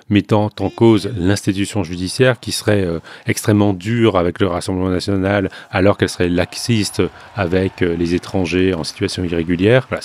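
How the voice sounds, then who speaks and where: Deep-voiced man giving measured news analysis. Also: darkish tone. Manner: measured, with frequent hesitations. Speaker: political journalist.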